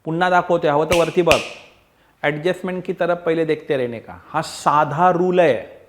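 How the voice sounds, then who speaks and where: A man's voice: on the high side, normal speed, a little hiss or hum. A man teaching an online accounts class, coaxing his students and acting out their replies, mixing Marathi, Hindi and English.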